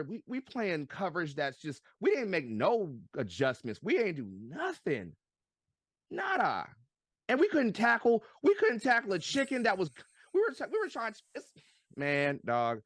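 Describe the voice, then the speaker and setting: Fired-up man, lively pitch. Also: no echo, studio quality. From United States. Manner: excitable, stammers and repeats words when fired up. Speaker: podcast guest. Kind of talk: animated casual sports chat.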